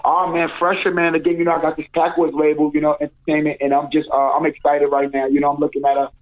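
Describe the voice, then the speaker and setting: A man calls in as a guest on a tinny, narrow phone line, his voice sitting a bit high for a man. He talks loosely and casually, circling back with "you know what I'm saying" again and again. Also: completely flat delivery, quick pace. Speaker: guest calling in. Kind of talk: casual interview chat. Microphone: telephone.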